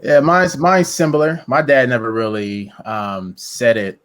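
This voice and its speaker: A man's voice: mid-range voice, steady tone, a little slow, fairly bright tone. A man who works as a comedian, telling laid-back anecdotes on a video-call panel and laughing at them. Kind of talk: casual panel chat.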